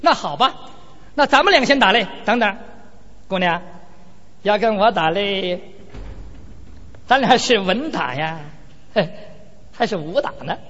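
A smug, cocky young fighter in a spoken tale, put on by a man, his very high voice rising and falling playfully. The sound is dull and lo-fi, with a long hall reverb behind it. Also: lively intonation, unhurried, long pauses, bright, forceful tone, full character voice. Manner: smug, teasing.

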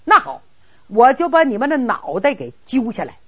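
A woman's voice: high voice, very animated, normal speed, fairly bright tone, husky, full character voice. A woman voicing a hot-tempered, brash young nobleman who talks bluntly and bossily, on a dull lo-fi recording. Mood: blustering. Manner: blunt, threatening, bossy.

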